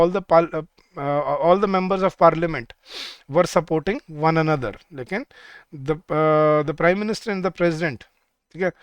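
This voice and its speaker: A man's voice: fairly high pitch, clean tone, no room sound. Male teacher in a dry, close sound. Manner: explains patiently, slows way down for example sentences; talks to viewers directly, often says "guys". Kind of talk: online exam-prep English lesson.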